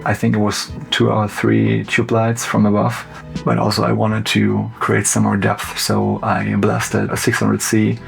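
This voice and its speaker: A cinematographer with a German accent talking through a film breakdown in a relaxed, loose way, full of "like" and "you know". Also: male voice, on the low side, creaky. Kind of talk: casual behind-the-scenes commentary.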